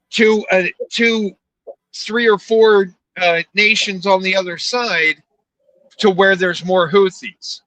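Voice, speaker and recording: A man's voice: sits high, sharp tone, poor audio. A man debating in a casual online voice chat, asking pointed questions. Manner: questioning, argumentative.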